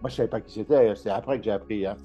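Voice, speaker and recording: A man's voice: on the low side, very fast, mellow, faint music behind. A middle-aged man, a medium, telling stories from his life in a casual interview, laughing often and restarting his sentences. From Paris. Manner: chatty storyteller, laughs often, many restarts. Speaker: medium and author, interview guest.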